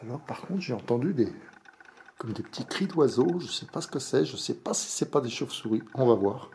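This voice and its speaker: A man, winded from climbing, narrates his walk around an old mountain fort and its tunnels. He exclaims over each view and talks loudly over the wind into a handheld camera mic. His pitch is average, and faint background noise runs under him. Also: expressive, fairly quick. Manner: enthusiastic, exclaims over views. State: out of breath. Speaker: vlogger touring a fort. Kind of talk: casual walking tour commentary.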